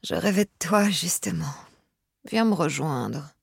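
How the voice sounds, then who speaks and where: A woman voicing a young engaged woman, passionate and easily hurt, in a husky voice raised above her narration. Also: deep voice, animated, a little slow, no echo, clean studio sound, full character voice. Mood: sensual.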